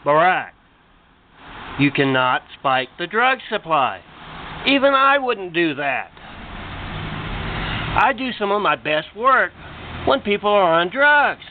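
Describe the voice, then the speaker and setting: Guy putting on a sly grumbly devil, slow and low, phone-like hissy audio. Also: sing-song, full character voice. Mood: scolding. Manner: slow, low, drawn-out delivery. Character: sly grumbling male devil, sinister and smug. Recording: tinny lo-fi with noise.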